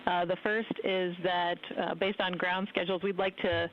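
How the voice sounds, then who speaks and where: A mission control capsule communicator giving calm, procedural updates over a muffled, crackly space radio loop. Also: mid-range voice, normal speed. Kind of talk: space-to-ground radio calls. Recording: dull lo-fi radio with faint hiss.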